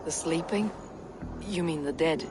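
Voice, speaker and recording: A woman's voice: deep voice, unhurried, noisy background. An actress playing a direct, terse Viking warrior woman questioning people in a video game. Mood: probing. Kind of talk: video game character acting.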